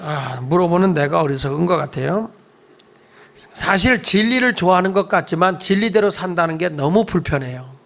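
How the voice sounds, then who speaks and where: A man's voice: sits high, lively intonation, moderate pace, gravelly, a bit bright. A male pastor preaching a youth service sermon in a conversational storytelling way, asking the congregation questions.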